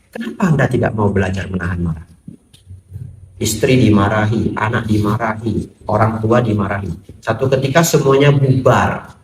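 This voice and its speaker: A Buddhist monk giving a sermon to an audience, telling stories and acting out little dialogues with humor. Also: male voice, fairly low pitch. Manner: lively storytelling, acts out dialogues, jokes with audience. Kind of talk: Dhamma sermon. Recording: roomy echo, distant mic, faint noise.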